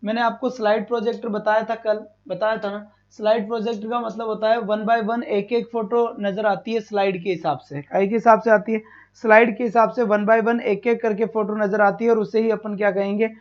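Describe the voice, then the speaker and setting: High-voiced man teaching a live class. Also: little pitch movement, fairly quick, highs cut off. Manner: repeats questions and answers them himself; chatty, scolds students for being late. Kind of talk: live online exam-prep class.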